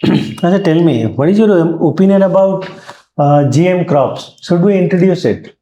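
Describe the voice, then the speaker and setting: A man's voice: sits high, animated, normal speed, mellow, a little hiss or hum. A man with an Indian accent putting questions as a panelist in a formal interview. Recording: echoey room.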